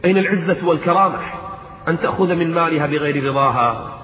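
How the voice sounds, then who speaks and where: A man's voice: fairly high pitch, fast, fairly bright tone. A man preaching a sermon, fervent and pleading, asking rhetorical questions and chanting verses in a sung tone. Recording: echoey hall.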